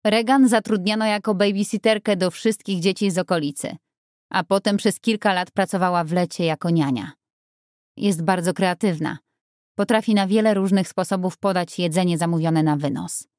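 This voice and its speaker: A fond, gently approving older sister, read by a woman in an audiobook. She explains things warmly and steadily in a lowish voice. It is recorded close and dry. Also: moderate pace, no room sound, natural voice.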